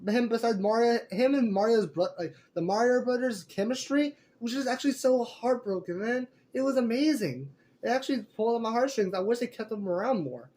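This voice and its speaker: A young man with a noticeably high-pitched voice talks through an off-the-cuff review. He rambles and circles back, filling gaps with fillers and restarting his sentences. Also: lively intonation, fairly quick, mellow. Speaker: movie reviewer. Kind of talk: casual spoken review.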